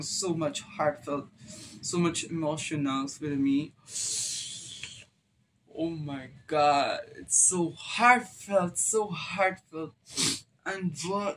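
Reaction host: man, tearful, gushing, slow-spoken, faint ambient hiss behind. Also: a little high, fairly bright tone, poor audio. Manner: effusive, emotional praise with gasps. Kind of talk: reaction video commentary.

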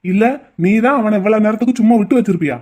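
A man playing a calm father and older brother who reasons patiently in a homemade drama. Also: sits high, a little hiss or hum, natural voice. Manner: patient, measured persuasion.

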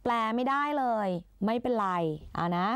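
A woman's voice: a little high, normal speed, clear, resonant tone, dry recording. Playful woman tutoring exam English. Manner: chatty and playful, calls herself big sister, coaxes students. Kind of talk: Thai exam-prep lesson.

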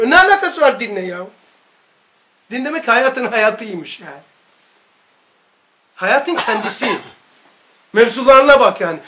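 Male study-circle teacher, very high bright voice, lively, throws rhetorical questions at the room. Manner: animated, barks mock military commands. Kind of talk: informal religious lesson.

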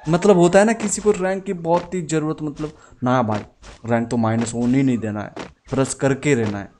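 A young man, hosting a gaming channel and giving chatty, excitable commentary over live gameplay while joking with his viewers. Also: mid-range voice, brisk, a little hiss or hum.

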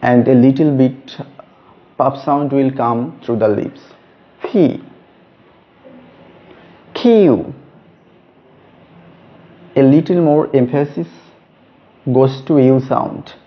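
A man teaching a lesson on letter names, speaking slowly and stressing each letter. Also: mid-range voice, steady tone. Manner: slow, deliberate, stresses each letter name. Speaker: English teacher. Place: room with a whiteboard. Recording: dull lo-fi recording.

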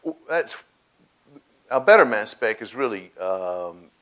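An older man in a large lecture hall, answering audience questions on a lapel mic, halting with many restarts. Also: fairly low pitch, sing-song, fairly bright tone. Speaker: guest speaker taking audience questions.

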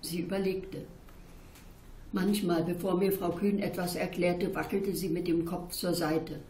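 A woman, the author, reading a chapter of her book aloud in a calm, even narrating voice. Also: fairly low pitch, unhurried, a little hiss or hum. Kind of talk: literary reading. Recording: roomy echo.

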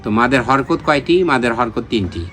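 A man's voice: medium pitch, animated, a bit bright. Patient male Quran reading teacher. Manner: patient, repeats letter names and drills slow recitation. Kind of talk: online Quran reading lesson.

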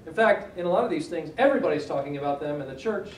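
A man's voice: a little high, animated, very fast, a little hiss or hum. Male church class leader, conversational and questioning, recorded in an echoey room from a distance. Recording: echoey room, mic far off.

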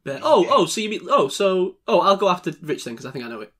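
Animated, higher-voiced man guessing slang. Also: fast talker, slightly rough. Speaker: podcast co-host. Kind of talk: casual podcast chat.

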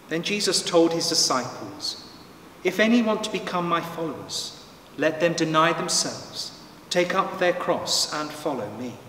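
A man, a priest, reading the gospel in a measured, solemn way, heard from a distance in a big church with a long cathedral echo. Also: fairly high pitch, bright, forceful tone. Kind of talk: liturgical scripture reading. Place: large church. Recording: long church reverb from far off, faint noise.

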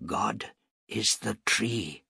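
A calm, devout shipbuilder speaks in a hushed, low voice, as a male narrator plays him. His words come slowly and with a slight huskiness. The sound is close and dry. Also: husky, no echo, exaggerated voice. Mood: soft, reverent. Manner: soft, quiet and measured.

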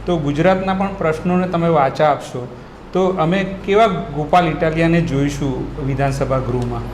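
A male interviewer sets up his question in a measured way. His voice is a little high, and the room adds echo and faint noise. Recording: roomy echo.

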